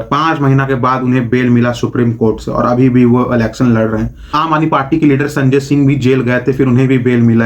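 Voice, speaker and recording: A man hosting a political explainer video, giving scripted commentary in an opinionated tone with rhetorical questions. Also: medium pitch.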